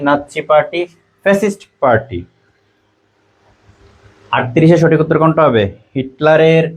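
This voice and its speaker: A slightly high-voiced admission test tutor from Bangladesh teaches a class online. He repeats each quiz question and its answer options and reads out the students' answers.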